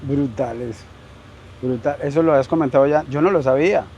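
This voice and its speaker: A man hosts a podcast interview, asking long questions that wander and repeat themselves. He is warm and encouraging, with a voice of ordinary male pitch. A faint hiss of background noise sits under him. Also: fairly quick, creaky. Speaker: podcast host.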